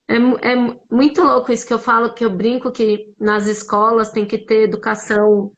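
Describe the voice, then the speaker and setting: A woman with a Brazilian Portuguese accent speaks in a relaxed, conversational way, sharing a personal story with a circle of listeners. Her voice sits a little on the high side, and she keeps sprinkling in small verbal fillers as she goes. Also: normal speed, low-quality recording. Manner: chatty, full of fillers like "né" and "cara".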